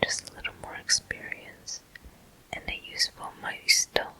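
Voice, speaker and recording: Close to the mic, a walkthrough host whispers ASMR game commentary in slow, unhurried phrases broken by pauses. The tone is bright and forceful.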